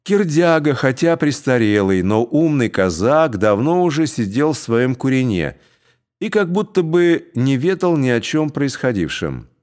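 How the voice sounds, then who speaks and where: A man narrating a classic tale as an audiobook, in an expressive, unhurried way. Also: medium pitch.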